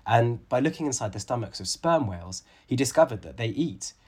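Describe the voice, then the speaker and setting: His voice is medium-pitched, animated and brisk, darkish and slightly rough: a guest biologist and author in his late thirties in a conversational interview. He talks thoughtfully but with many fillers and restarts.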